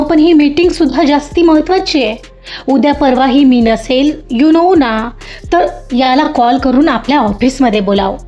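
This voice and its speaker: A woman's voice: high-pitched, a little mellow. A woman voicing a stressed, angry male office boss who talks in a worried, bossy way. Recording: dull lo-fi audio with faint music.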